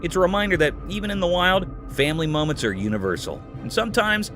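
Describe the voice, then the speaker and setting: A man's voice: high-pitched, animated, fast. A man giving a scripted narration in a chatty, folksy storytelling tone. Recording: clear music bed behind. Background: music.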